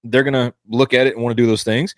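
A man's voice: mid-range voice, level tone, quick pace, no room sound, clean studio sound. A man hosting a podcast, critically explaining and rebutting a sermon clip he has just played, repeating his points.

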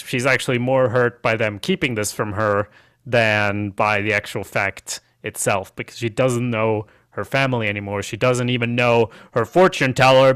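A man's voice: mid-range voice, a bit bright, clear, resonant tone, no room sound, studio quality. Joking, swearing male podcast host. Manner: loose, profane, jokey recapping. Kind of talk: casual chat reviewing a TV show.

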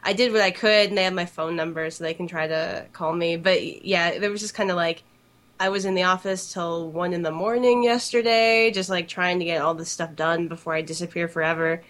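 Giggly, lowish-voiced woman co-hosting. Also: fairly even intonation, fairly quick, a bit bright. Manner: giggly, peppers talk with "like". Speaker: podcast co-host. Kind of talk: casual chat.

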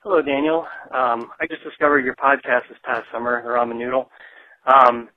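A man's voice: medium pitch, fairly quick, dry recording. A man in his thirties leaving a rambling, hesitant voice message, played back from a voicemail. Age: 30s. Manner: hesitant, filler-heavy, deadpan. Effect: voice message played over a phone line. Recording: tinny phone-line voicemail.

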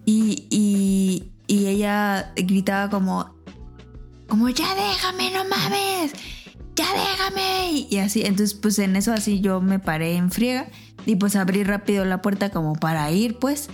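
A woman's voice: medium pitch, moderate pace, faint music behind. Mexican woman telling a story animatedly. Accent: Mexican Spanish. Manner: animated, acts out voices in her anecdote. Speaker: podcast co-host. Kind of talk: casual storytelling chat.

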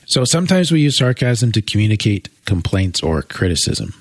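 A man co-hosting a podcast, explaining things in a thoughtful, measured way with long winding sentences. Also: lowish voice, big pitch swings, dry recording, clean studio sound. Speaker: co-host. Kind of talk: casual explanatory chat.

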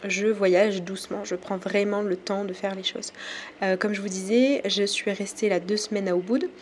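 A woman's voice: medium pitch, steady tone, slight background noise. Hesitant French woman podcasting. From France. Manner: hesitant, many pauses and fillers. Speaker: podcast host. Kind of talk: casual solo podcast talk.

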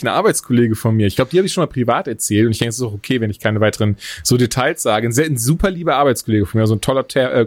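A man hosting a podcast, chatting casually about films in an animated, digressive way full of quick asides. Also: mid-range voice, no echo. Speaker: podcast host reviewing films. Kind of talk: casual chat.

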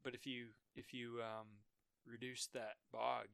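In a clean, dry studio recording, a man from Massachusetts talks casually as a podcast guest, halting, restarting often, repeating words as he explains and laughing lightly. His medium voice is flat, gravelly, smooth and fairly bright.

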